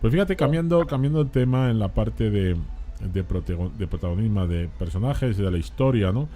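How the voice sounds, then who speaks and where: A man hosting a Spanish-language radio show, talking in a relaxed, conversational way with frequent restarts. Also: lowish voice, normal speed, faint music behind. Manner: conversational, hesitant with many restarts. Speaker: radio host. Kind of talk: casual radio talk.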